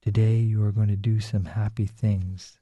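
A man reading a guided relaxation script in a slow, soothing, calm way. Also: fairly low pitch, dry recording. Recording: dull lo-fi recording.

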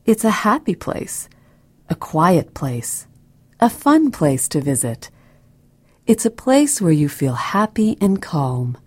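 Woman, soft and breathy, slow unhurried pace, mellow tone, gentle guided meditation narration, expressive melodic pitch. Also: no room sound. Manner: soft, soothing, gentle delivery with breathy, near-whispered phrases. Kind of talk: scripted guided relaxation narration.

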